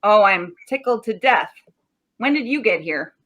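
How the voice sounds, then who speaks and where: A woman's voice: mid-range voice, expressive, measured pace, fairly bright tone. A woman playing a suspicious, sardonic police sergeant who talks in slang, in 1940s radio drama style. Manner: sardonic, interrogating.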